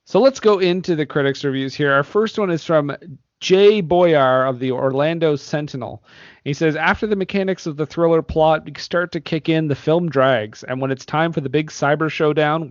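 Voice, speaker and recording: A man with a slightly high voice co-hosts a casual movie podcast, reading out reviews and laughing often. The sound is dry and a little dull. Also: normal speed, dry recording. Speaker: podcast co-host.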